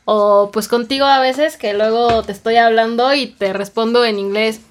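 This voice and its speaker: A woman's voice: a little high, steady tone, normal speed. A Mexican woman chatting casually and acting out past conversations in a Mexican accent. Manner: chatty, acts out quoted exchanges. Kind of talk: casual chat.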